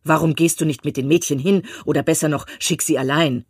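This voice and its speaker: A woman's voice: sits low, steady tone, brisk, slightly rough, no room sound. A woman voicing a dry, laconic, teasing older husband in an audiobook, in an understated tone. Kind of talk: audiobook reading.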